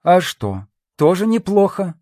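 A man's voice: sits high, big pitch swings, measured pace, a little mellow, no room sound, studio quality, voice pushed up. A man reading an audiobook, voicing a cold, greedy young woman mercenary who teases and mocks. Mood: sly. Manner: sly, teasing, playful.

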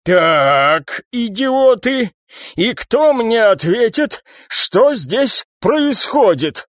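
A man voicing an irascible old police captain near retirement, yelling hoarsely in a storybook reading. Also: high voice, sing-song, normal speed, dry recording, clean studio sound, voice pushed up, exaggerated voice.

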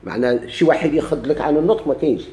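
A man with a Moroccan accent teaching Arabic grammar, slowing down to recite quoted verses and examples and giving letters and words their own speaking lines. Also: a little high, dark tone. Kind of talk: explaining a grammar text. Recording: echoey room.

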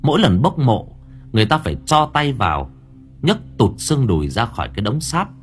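A man narrating a horror story dramatically. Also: brisk. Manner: storytelling, dramatic, with lively pitch. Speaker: audiobook narrator.

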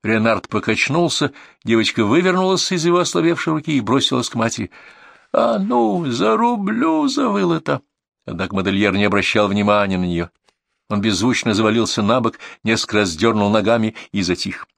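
A man's voice: on the low side, quick pace, a bit bright, dry recording. A man narrating a first-person audiobook in a tense, dramatic way, recorded in a dry booth.

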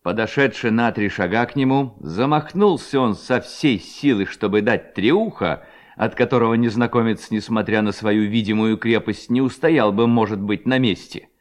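A man's voice: on the low side, moderate pace. A man reading a classic story aloud as narrator in a theatrical, dramatic manner.

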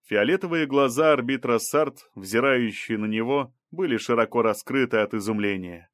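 A man narrating an audiobook in a steady, even storytelling voice. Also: mid-range voice, normal speed, no echo, studio quality. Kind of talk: scripted narration.

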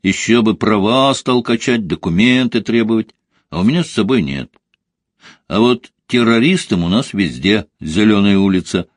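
Guy reading doing a jokey awkward young dude, low husky voice, dry close sound. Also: animated, normal speed, no echo. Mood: offhand. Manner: teasing, offhand. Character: joking young man, playful and awkward.

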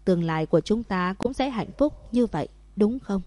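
Gentle young woman in a storybook, read by a woman, mellow voice, dry sound. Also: medium pitch, lively intonation, normal speed, dry recording, close to an everyday voice. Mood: soft. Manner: soft-spoken. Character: young woman, soft and loving.

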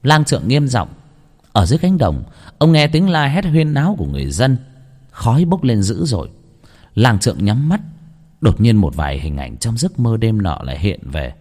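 Guy reading a ghost story, dramatic, pitch moves around a lot, mid voice. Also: very animated, moderate pace, a little mellow. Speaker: narrator. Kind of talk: scripted ghost story narration.

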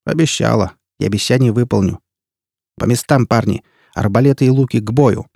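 A man's voice: mid-range voice, fairly quick, gravelly, warm tone, breathy edge, no echo, clean studio sound. A man voicing a hardened woman mercenary captain, commanding and curt in a storybook reading. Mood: grim resolve.

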